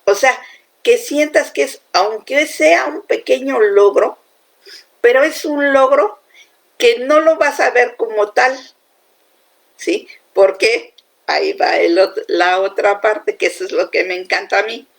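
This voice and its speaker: A woman's voice: a little high, measured pace, creaky. A woman giving an informal devotional talk, speaking conversationally and often checking in with the listener.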